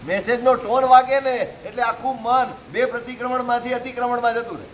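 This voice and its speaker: A man's voice: extremely high pitch, fairly even intonation, a little fast, slight background noise, rough recording. A man preaching a sermon to a live audience, pressing them with rhetorical questions and exhortations. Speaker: Jain preacher.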